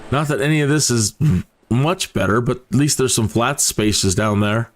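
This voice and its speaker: Man, medium pitch, casual streamer commentary, chatty, playful, rambling, faint noise behind the voice. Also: normal speed. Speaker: live streamer. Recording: steady background noise.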